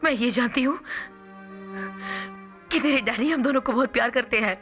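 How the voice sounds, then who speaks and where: An actress playing a gentle young mother who quietly soothes her son, in a film drama. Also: on the high side, moderate pace, soft background music, close to an everyday voice. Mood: soothing. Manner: soft, hushed, consoling. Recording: muffled film soundtrack with faint score.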